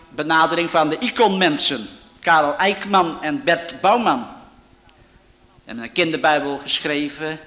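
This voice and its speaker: A man delivering an earnest sermon in a fairly high, bright, forceful voice. He reads passages aloud and builds the emphasis as he goes. His words ring out with the long reverb of a church hall. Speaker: preacher.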